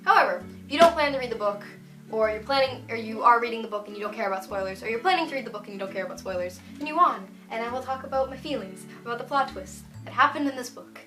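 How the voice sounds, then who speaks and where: A young woman giving a casual spoken book review, gushing and animated, full of "like" fillers. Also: a little high, fast talker, music in the background.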